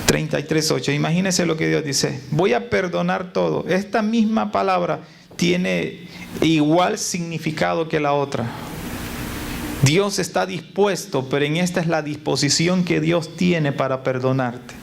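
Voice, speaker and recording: A man's voice: a little high, a little slow, creaky. A male pastor preaching a sermon in a church, often turning to the congregation with questions and reciting lists of word meanings. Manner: preaching with call and response to the congregation. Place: church sanctuary. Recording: noisy church recording.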